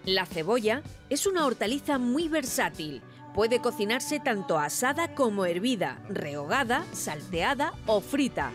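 A woman reading a scripted voice-over narration, measured and informative. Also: on the high side, very animated, soft background music. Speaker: documentary narrator.

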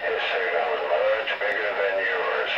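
An older man arguing over CB radio, slow and stubborn, pausing often with "uh". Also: sits low, fairly even intonation. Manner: slow, deliberate, stubborn, with many "uh" pauses. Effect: heard over CB radio. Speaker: CB radio operator. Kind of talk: argumentative radio chatter. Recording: muffled distant echoey CB radio with loud static.

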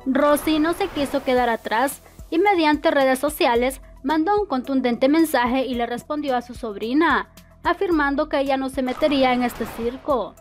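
A woman reading scripted entertainment news narration, quotes included in the same even voice. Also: sits high, normal speed. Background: faint music.

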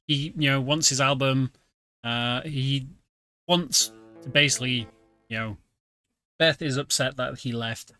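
A British man streams a video game, offering chatty, filler-heavy let's-play commentary that explains the gameplay. His mid-range voice is sharp and fairly even in intonation, and he speaks unhurriedly with frequent pauses. The recording is dry, with game music clearly audible below.

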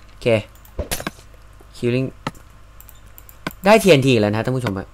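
A young man casually commenting while he plays a block-building game, chatty and joking, with loud exclamations. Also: mid-range voice, expressive, unhurried, slight background noise. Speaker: gaming video host.

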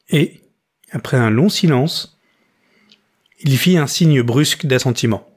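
A man reading a novel aloud in even, measured narration. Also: medium pitch. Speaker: audiobook reader.

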